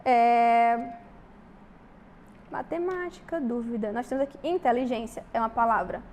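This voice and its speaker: High-voiced Brazilian woman teaching grammar. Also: moderate pace, a little mellow, a little hiss or hum. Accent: Brazilian Portuguese. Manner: explains step by step, with frequent "tá?" check-ins. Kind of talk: exam-prep grammar lesson.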